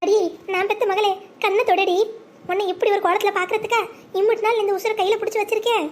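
A high voice doing a pleading old village mother. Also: level tone, quick pace. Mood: scolding. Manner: wailing, pleading.

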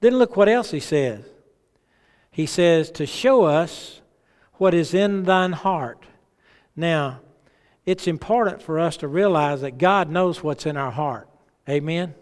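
A man's voice: on the high side, takes it slowly, long pauses. A middle-aged man preaching a revival sermon in a conversational, folksy storytelling way from a church stage. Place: large church sanctuary, on stage. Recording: reverberant church hall sound.

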